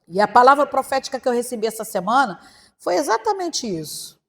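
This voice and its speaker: A middle-aged woman pastor with a Brazilian accent, preaching a sermon with passion, swinging between loud and hushed and acting out prayers in her own voice. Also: on the high side, big pitch swings, fairly quick. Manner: acts out prayers in quoted first person. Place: church hall. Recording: long church-hall reverb.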